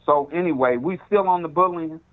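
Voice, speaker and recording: A man's voice: a little high, fairly quick. A man who is a bishop, calling in over a cell phone speakerphone, talking in a rambling, preacherly way and quoting scripture. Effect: speakerphone on a cell phone call. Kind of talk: casual talk over the phone.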